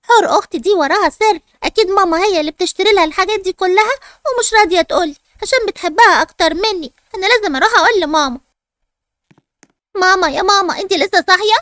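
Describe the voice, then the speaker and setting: A woman's voice: very high-pitched, very fast, a bit bright, no echo, clean studio sound. Jealous sulky girl Hagar, voiced by a woman. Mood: suspicious. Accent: Egyptian Arabic. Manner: sulky, complaining. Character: young girl Hagar, jealous, suspicious sister.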